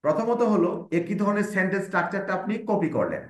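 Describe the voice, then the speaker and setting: A man teaching a grammar lesson to a class, slowly repeating example sentences and asking the students questions. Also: high-pitched, sing-song, echoey room. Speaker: IELTS instructor.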